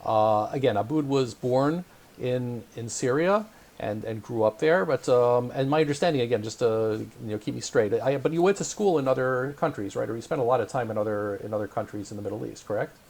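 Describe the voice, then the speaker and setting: A man's voice: mid-range voice, fairly quick, vocal fry, darkish tone. A man hosting a remote interview, chatty and hesitant with many "um"s, laughing often. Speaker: interview host.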